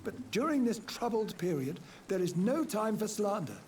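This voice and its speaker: A man's voice: sits high, big pitch swings, normal speed. An actor voicing an older, proud and dutiful male doctor in a video game, formal and earnest. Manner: earnest, formal and stiff-upper-lip. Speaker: game character. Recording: game audio under music.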